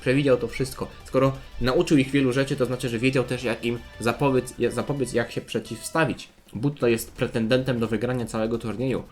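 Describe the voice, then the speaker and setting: A man reading a fan comic aloud and commenting as he goes, excitable and given to loud outbursts. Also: mid-range voice, a little fast, hardly any pauses. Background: faint battle music.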